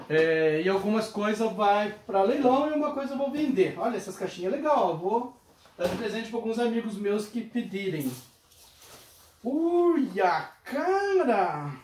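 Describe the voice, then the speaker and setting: An animated collector talks through an unboxing with excited exclamations, calling out each item. The voice sits a little back from the mic in an echoey indoor room, with a faint hiss underneath. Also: mid-range voice, distant mic. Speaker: collector unboxing retro game cartridges. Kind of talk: casual unboxing vlog. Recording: roomy echo, voice away from mic, faint noise.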